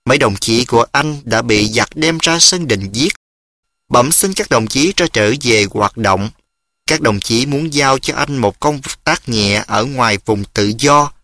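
A man reading a story aloud in a scripted, expressive narration, lifting his pitch on emotional phrases. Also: unhurried.

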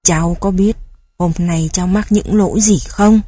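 A commanding old grandfather's spirit from a spoken storybook, grave and slow with the children he scolds, voiced by a woman. The voice is husky and close, with a dry, dead sound around it. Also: on the low side, warm tone, dry recording. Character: stern caring old grandfather ghost.

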